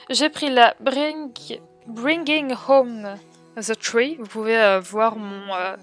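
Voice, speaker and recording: A young French woman chats casually on a livestream, answering viewers' comments and trailing off with frequent fillers. Her voice sits slightly high for a woman. Quiet music plays behind her. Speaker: streamer.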